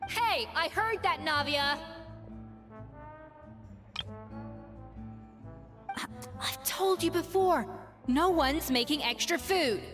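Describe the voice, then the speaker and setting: Proud perfectionist woman chef, high-pitched, haughty, exasperated, video game dialogue, long reverb, faint music. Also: animated, measured pace, a bit bright. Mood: stern. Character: proud, exacting young woman head chef, brusque perfectionist.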